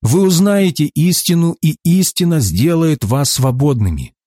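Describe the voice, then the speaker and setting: A man reading an earnest teacher, lively pitch. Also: unhurried, dry recording, studio quality. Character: male preacher-teacher, calm, earnest.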